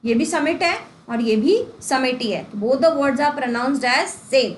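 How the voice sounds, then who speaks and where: A female English teacher with a high, animated voice gives a slow exam-prep lesson mixing Hindi and English. She explains through rhetorical questions and folksy examples, recorded in an echoey room with faint ambience and slight background noise.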